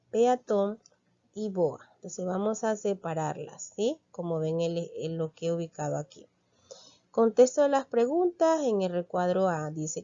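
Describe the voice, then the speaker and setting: A woman teacher explains a lesson to children step by step, pausing to check that they follow. Her voice is soft and mellow. The recording is a little dull and muffled. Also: lowish voice. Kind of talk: classroom lesson walkthrough.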